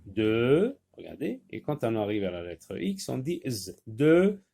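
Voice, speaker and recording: A man teaching a French phonics lesson, slowly repeating and stressing each sound for young learners. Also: fairly low pitch, big pitch swings, vocal fry, warm tone.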